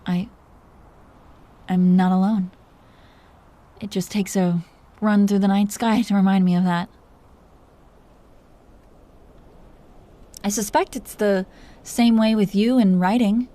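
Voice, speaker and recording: Playing a possessive yet affectionate dragon queen in an intimate romantic roleplay audio, a woman speaks softly and haltingly, teasing and playful. Her natural, mid-range voice keeps a fairly even intonation, and the mood is tender and wistful.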